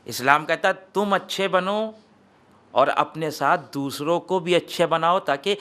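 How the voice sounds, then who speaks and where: A man with an Indian Urdu accent preaching a lecture in a hall. His voice sits high and sounds bright and forceful. He builds rhetorical questions to emphatic peaks, then sinks low and quiet. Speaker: Shia cleric giving a majlis lecture.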